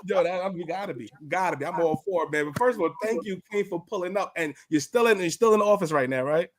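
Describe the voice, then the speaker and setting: A man's voice: high voice, fast talker. A man co-hosting a casual podcast, hyped and slangy, calling people "man" and "Queen". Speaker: podcast co-host.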